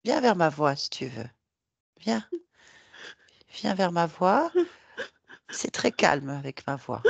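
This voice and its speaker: A woman hypnotherapist guiding a hypnosis session, coaxing and reassuring with gentle repetition. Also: on the low side, sing-song, takes it slowly, vocal fry, slightly rough, no echo.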